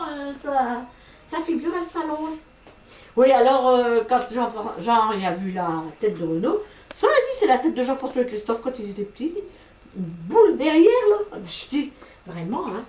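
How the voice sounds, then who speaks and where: A woman's voice: high-pitched, dark tone. Older grandmother cooing baby talk. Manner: cooing, repetitive, sing-song. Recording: roomy home camcorder audio with faint noise.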